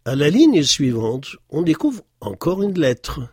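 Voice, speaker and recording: A man teaches a language lesson, speaking slowly and pausing often to find his words. His husky voice rises and falls in a lively way as he repeats words to model their sound. The recording is dry and close. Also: on the high side, dry recording. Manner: slow, patient explanation with frequent hesitations. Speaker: Arabic teacher.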